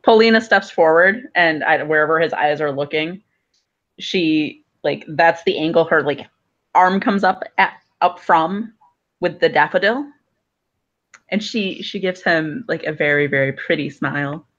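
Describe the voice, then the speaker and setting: A woman's voice: low voice, unhurried, a bit bright. Woman rambling through her character's moves in a tabletop game, muffled audio. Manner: rambling, searching for words. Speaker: player. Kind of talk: tabletop role-play.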